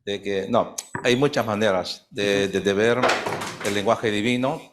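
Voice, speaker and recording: Low-voiced man reading scripture from afar. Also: measured pace, noisy background. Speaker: youth group member. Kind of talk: reading scripture aloud and answering a question.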